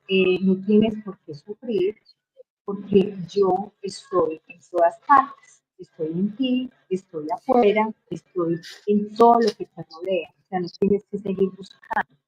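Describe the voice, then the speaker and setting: Reflective and unhurried, pausing often, a middle-aged woman with a Colombian Spanish accent shares her life story as an interview guest. Her medium-pitched voice is a little mellow and husky, and the sound is lo-fi.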